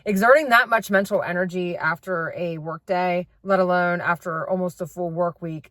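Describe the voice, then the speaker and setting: A woman's voice: lowish voice, a bit bright, dry recording, clean studio sound. A woman talking casually as a running vlogger about her day. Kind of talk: casual vlog talk.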